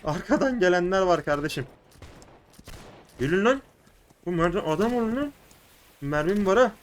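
Excitable Turkish man narrating his gameplay. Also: high-pitched, moderate pace, slight background noise. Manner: excitable, shouts and laughs during fights, mutters to himself between. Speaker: gaming YouTuber. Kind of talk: casual gameplay commentary.

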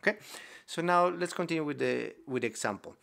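A man's voice: fairly high pitch, expressive, a little fast, creaky, fairly bright tone. A man teaching equipment sizing over a whiteboard screen recording, explaining step by step, repeating key terms, checking in with "okay?" and correcting himself as he goes. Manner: self-correcting restarts. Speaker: HVAC instructor. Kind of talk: screen-recorded technical lesson.

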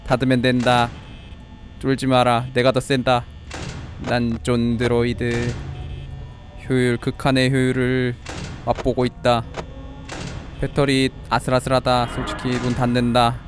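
A man putting on a cold, emotionless android voice, lower than his own and speaking in flat, clipped statements. It sounds stiff and mechanical, like a game-playing robot with no feelings, with faint music behind. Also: unhurried, pauses often, lightly acted. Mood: deadpan robotic.

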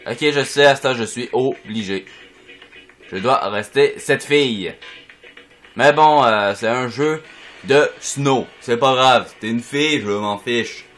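A man with a Quebec French accent, chatting at home through casual gameplay commentary in an excitable, joking way. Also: mid-range voice, slow. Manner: excitable, chatty, makes silly sound effects. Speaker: gamer. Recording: faint music behind.

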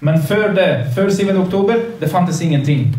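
Speaking from across a large carpeted mosque room, far from the livestreaming phone, a man with a high-sitting, dark-toned voice lectures boys on religion. His manner is earnest and sermon-like, and he repeats points for emphasis while the room echoes around him.

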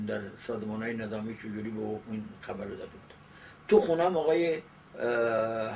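An elderly man recalls past events haltingly, with long hesitations, in an indoor interview. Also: mid-range voice, darkish tone. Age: 70s. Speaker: interviewee giving oral history. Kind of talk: recollective personal narration. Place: small book-lined study indoors. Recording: distant mic, noisy amateur camcorder sound.

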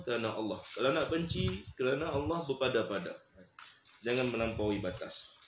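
A man giving an Islamic lecture as a religious teacher, conversational and acting out little dialogues. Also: medium pitch. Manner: conversational preaching with acted dialogue and laughs. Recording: echoey room with faint background noise.

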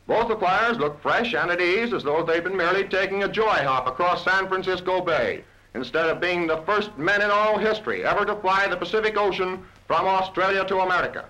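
An old newsreel narrator, a man with a high, bright, forceful voice delivering scripted lines in a brisk, excited announcer style. The sound is a scratchy 1930s newsreel soundtrack with a thin, lo-fi edge. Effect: old newsreel voice-over.

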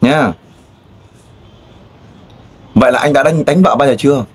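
A man interviewing a guest in a casual way, pressing with pointed, teasing questions and loud exclamations. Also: mid-range voice, measured pace, breathy edge. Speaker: street interviewer.

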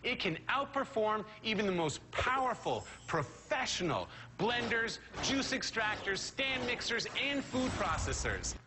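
A middle-aged man giving an earnest, persuasive scripted infomercial pitch to camera as a product pitchman. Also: big pitch swings, unhurried, few pauses, music in the background. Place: studio kitchen set indoors.

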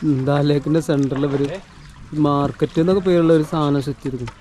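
A man's voice: a little high, steady tone, fast talker, warm tone. A man with a Kerala Malayali accent giving casual travel vlog commentary, mixing English words into his Malayalam. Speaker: travel vlogger. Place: outdoors on a lake boat and shore. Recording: noisy outdoor boat and traffic ambience.

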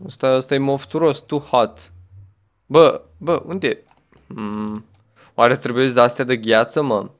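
A young man chatting his way through a game as a gaming YouTuber, exclaiming often and talking to the game and a friend. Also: mid-range voice. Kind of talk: let's play commentary.

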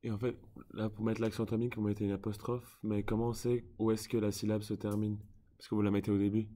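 Low flat-voiced male student asking. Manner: halting, restarts while questioning. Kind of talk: asking a question in class.

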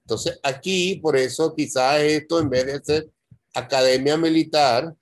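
A man's voice: fairly high pitch, fairly even intonation, unhurried, no room sound. A man teaching screenwriting, thinking aloud as he reviews and corrects a student's script.

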